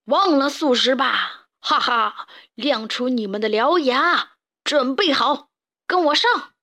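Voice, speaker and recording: A woman's voice: high voice, lively intonation, slow, sharp tone, full character voice. A woman storyteller voicing a scheming male rat gang boss who sneers and barks insults. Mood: gloating.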